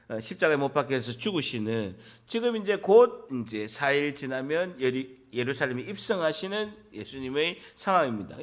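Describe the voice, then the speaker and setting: A male pastor preaching a church sermon, emphatic and building to loud exhortation. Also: high-pitched.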